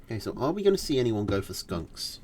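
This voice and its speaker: A man's voice: on the low side, big pitch swings, fast, darkish tone, a little hiss or hum. A man casting a live strategy game tournament, casual and analytical, thinking aloud with fillers. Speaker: tournament caster.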